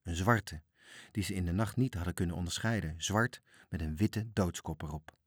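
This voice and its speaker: A man reads a storybook aloud in a low, measured voice. He reads with expression, and the recording is dry and close. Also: breathy edge, no room sound. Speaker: narrator. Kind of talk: storybook reading.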